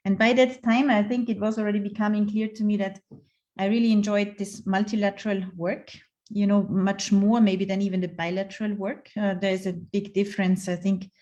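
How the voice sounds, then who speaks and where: A woman's voice: medium pitch, little pitch movement, a little fast, mellow, dull audio. A woman in her fifties from Austria, giving a reflective online career talk with frequent restarts and fillers, heard over a video call. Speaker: guest speaker.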